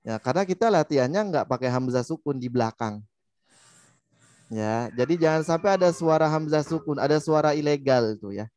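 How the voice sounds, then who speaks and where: A man's voice: on the high side, animated, fairly quick, a little mellow, no room sound. A man with an Indonesian accent teaching Quran recitation, patiently explaining and modeling sounds. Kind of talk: online tajwid lesson.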